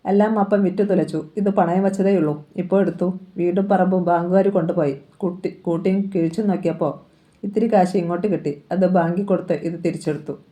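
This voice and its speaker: Woman reading as a gruff, blunt older father. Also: on the low side, fairly even intonation, fairly quick, dark tone, natural voice. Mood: stern.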